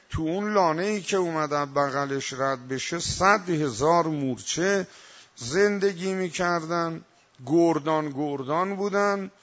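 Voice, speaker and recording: A man giving a religious sermon, moving between quiet asides and loud, emphatic recitation. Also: fairly high pitch. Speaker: preacher. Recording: dull lo-fi recording.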